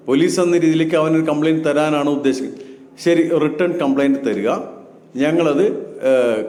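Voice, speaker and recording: A man gives spoken commentary in a lecturing tone, firing off one rhetorical question after another. His voice is mellow and dark, at an ordinary pitch for a man. The room is echoey, with a long reverb trailing behind him. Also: a little hiss or hum. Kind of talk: reaction commentary. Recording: roomy echo with long reverb.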